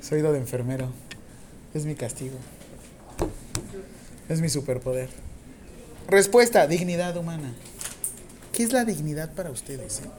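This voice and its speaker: A woman with a Mexican accent teaching a nursing class, talking casually with slang, dictating slowly and firing questions at the students. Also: deep voice, expressive, noisy background. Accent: Mexican Spanish. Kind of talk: classroom lecture.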